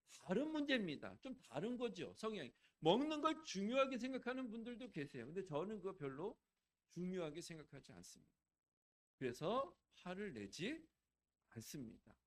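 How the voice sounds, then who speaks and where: A middle-aged man, a pastor, preaching a sermon in a conversational way, asking the congregation questions and swinging from hushed to loud. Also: high voice.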